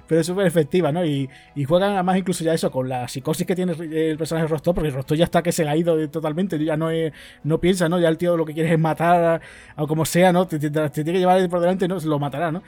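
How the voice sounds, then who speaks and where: Man, quick pace, raised pitch, enthusiastic film podcast talk, tag questions. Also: steady tone, dark tone, soft background music. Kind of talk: casual film discussion.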